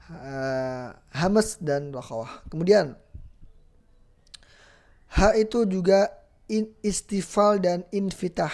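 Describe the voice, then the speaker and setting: A Quran recitation teacher giving a tajwid lesson. The teacher explains the letters patiently, repeats each sound slowly, and chants drawn-out recited examples. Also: mid-range voice, a little mellow.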